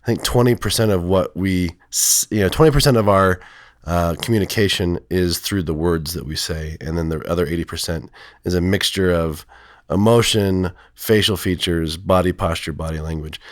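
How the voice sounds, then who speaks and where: A male counselor with a voice lowered by illness, explaining in a rambling, hesitant way full of fillers. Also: moderate pace, no echo, clean studio sound. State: sick, voice lowered from strep throat. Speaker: counselor and podcast co-host. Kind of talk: casual podcast conversation.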